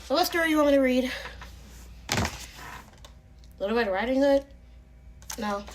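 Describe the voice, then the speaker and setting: A woman's voice: high-pitched, expressive, moderate pace, a little hiss or hum. A young woman improvising a fairy tale aloud, chatty and sassy, with playful asides. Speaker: storyteller. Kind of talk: improvised oral storytelling.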